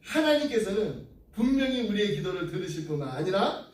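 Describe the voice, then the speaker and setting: A man's voice: high voice, sing-song, fairly quick. A male pastor preaching an earnest sermon to his congregation, then closing in prayer. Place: church sanctuary. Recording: echoey room, distant mic.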